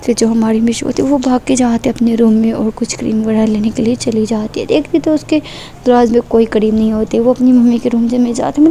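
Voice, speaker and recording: A woman's voice: fairly high pitch, warm tone, slight background noise. A woman telling a story in a chatty, rambling way, full of fillers. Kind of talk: casual story narration.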